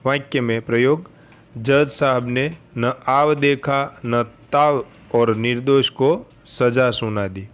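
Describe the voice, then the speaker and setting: Teacher, male, unhurried, repeats answers, mid pitch. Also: steady tone, clear, resonant tone. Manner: slow, patient, repeats each answer after reading it. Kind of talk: homework revision lesson.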